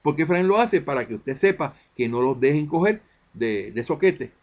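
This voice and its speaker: A man's voice: fairly high pitch, animated, normal speed, darkish tone, lo-fi sound. A man giving an impassioned monologue as a spiritist video presenter, emphatic, posing rhetorical questions and answering them himself.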